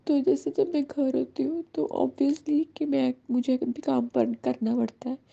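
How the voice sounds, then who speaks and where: A woman's voice: sits high, fairly even intonation, a little slow, vocal fry, mellow, slightly rough. A woman in her thirties giving an earnest personal testimony to a devotional gathering, slipping English words into her speech. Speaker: satsang devotee sharing a blessing. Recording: dull lo-fi recording.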